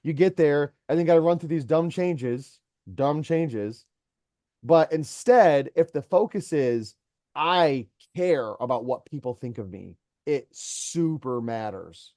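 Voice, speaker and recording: A man's voice: on the high side, animated, takes it slowly, warm tone, no room sound, studio quality. A man who owns a company, giving an employee earnest one-on-one coaching and telling stories to make his point. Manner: earnest, storytelling, mentoring.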